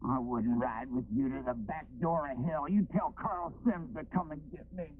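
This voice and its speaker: An actor playing a sour, defiant, folksy villain in a TV fantasy drama, on an old broadcast recording. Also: male voice, fairly high pitch, normal speed, narrow, tinny audio, natural voice. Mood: bitter.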